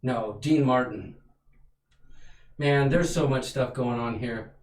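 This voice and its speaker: A man co-hosts a goofy livestream chat, playfully bursting into song and stammering as he hunts for words. His mid-range voice moves slowly, and the livestream audio sounds roomy and distant.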